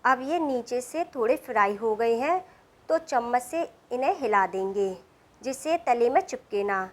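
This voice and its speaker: A woman narrating a cooking recipe step by step in a calm, steady instructional voice-over. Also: fairly high pitch, a little slow. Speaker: cooking channel host.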